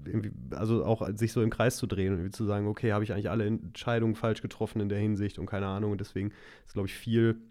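A young man co-hosting a casual faith chat, talking in a relaxed, reflective way and reading a Bible verse. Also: on the low side, rapid-fire. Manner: relaxed, reflective, laughs easily. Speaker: podcast co-host.

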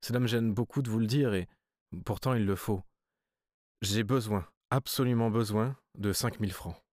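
A distressed woman as a male audiobook reader puts her on, pleading and halting as if close to sobbing. The reading sits low and is dry and close, with no room sound. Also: darkish tone, no room sound, close to an everyday voice. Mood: uneasy. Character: distraught young woman under hypnotic command.

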